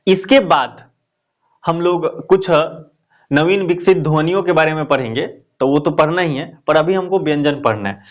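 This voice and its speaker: A man's voice: fairly high pitch, normal speed. A man teaching a Hindi grammar lesson, asking questions and answering them himself, with lots of repetition. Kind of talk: classroom lesson explaining grammar.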